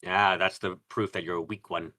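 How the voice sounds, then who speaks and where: A man's voice: deep voice, steady tone, moderate pace, bright, forceful tone, no room sound, clean studio sound. A man co-hosting a watch-along, chatting casually and swearing as he reacts to what is on screen.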